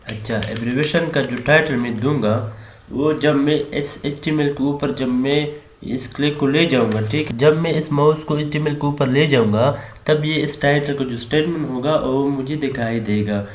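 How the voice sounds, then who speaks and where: Recorded in an echoey room with faint hiss, this screen-captured coding lesson features a male tutor with a Pakistani Urdu accent and a medium-pitched voice at normal speed. He explains steadily, regularly checking "theek hai na," amid keyboard typing and mouse clicks.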